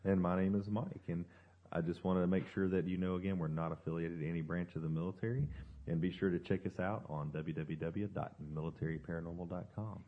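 Deep male podcast co-host, slightly dull audio. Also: fairly even intonation, fast talker. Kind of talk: casual explanatory podcast talk from notes.

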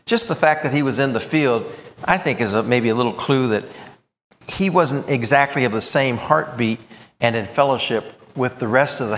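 A man preaching a sermon, emphatic and expressive, explaining scripture with thoughtful asides. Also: mid-range voice, in a large hall.

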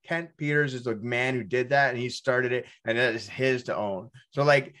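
A man hosts a podcast in a casual, chatty style. His voice sits at a middle pitch and has a bright, forceful edge. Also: moderate pace. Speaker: podcast host. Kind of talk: casual chat.

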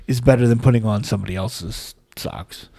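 A man with a gravelly, mellow voice on the low side co-hosts a podcast at a moderate pace, telling long anecdotes at his own expense in a casual, chatty manner. The studio-quality sound from his podcast mic has no room sound.

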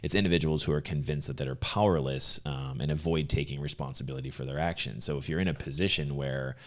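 A man's voice: rumbling low, steady tone, fast. A man hosting a podcast in natural unscripted talk, explaining ideas in a conversational, rambling way with acted-out example remarks. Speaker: podcast host.

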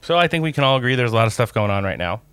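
A man's voice: mid-range voice, animated, rapid-fire, very noisy. A man hosting a casual talk show, reading sponsor plugs and bantering playfully. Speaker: podcast host.

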